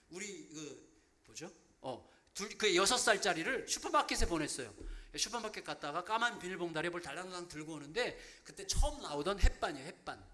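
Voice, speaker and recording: A man in his fifties, a pastor preaching a sermon and telling a humorous story. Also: fairly high pitch. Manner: animated, humorous storytelling with acted-out quotes.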